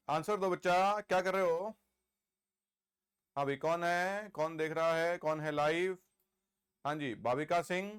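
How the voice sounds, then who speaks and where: A man's voice: fairly high pitch, a bit bright, smooth. A middle-aged man with an Indian accent teaching English grammar in a live online class, pressing students for answers and praising them.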